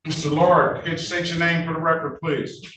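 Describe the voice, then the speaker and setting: A man presiding as judge in a courtroom recording of a video-call hearing, brisk and procedural, reading case numbers out slowly. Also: fairly high pitch, flat delivery, bright, forceful tone. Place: judge's meeting room. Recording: echoey room, distant mic, faint hiss.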